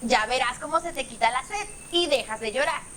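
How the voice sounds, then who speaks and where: A woman voicing a kind tapir who speaks gently and comfortingly. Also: sits high, animated, a little fast, a little hiss or hum. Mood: caring.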